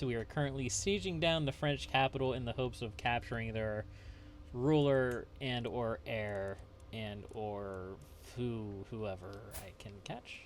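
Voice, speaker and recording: A man's voice: medium pitch, a little hiss or hum. A man hosting a let's play, chatting casually and reading game text aloud as he plays, often chuckling. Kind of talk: casual gameplay commentary.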